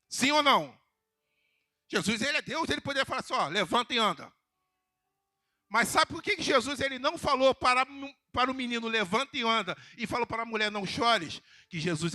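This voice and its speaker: Brazilian male preacher, high bright voice, swings from soft quotes to emphatic calls, quizzes the congregation. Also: no echo, studio quality. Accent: Brazilian Portuguese. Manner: rising to emphatic calls, then dropping to soft quoted words; asks the congregation questions. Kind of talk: sermon.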